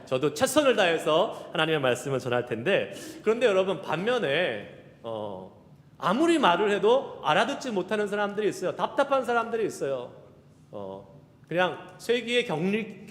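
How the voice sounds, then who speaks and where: A man preaching a Sunday sermon as a pastor, lively and joking with the congregation, reciting scripture slowly. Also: fairly high pitch. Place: church sanctuary. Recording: reverberant church hall.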